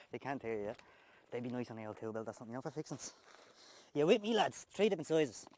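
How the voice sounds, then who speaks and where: A man's voice: medium pitch, big pitch swings, quick pace, a little mellow. An Irish tradesman in a casual unboxing chat, joking and swearing as he talks to the person filming. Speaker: tradesman unboxing work gear.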